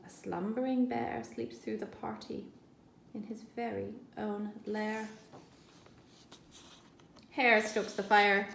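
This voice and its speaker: Slow, sing-song woman reading a picture book. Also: a little high, creaky. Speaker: storyteller reading to children. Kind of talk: picture-book read-aloud. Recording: echoey room.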